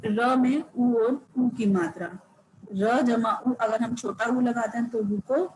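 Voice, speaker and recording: Woman teacher slowly explaining Hindi grammar. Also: fairly high pitch, fairly even intonation, a little mellow, slight background noise, low-quality recording. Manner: slow, repetitive explanation, drawing out example words. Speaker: school teacher.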